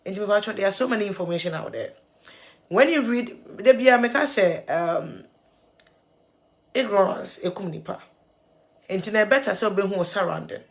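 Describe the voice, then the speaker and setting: A Ghanaian woman vlogging about a troubling story. She is tearful and earnest, mixing English and Twi with halting repeats. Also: medium pitch. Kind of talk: emotional video commentary.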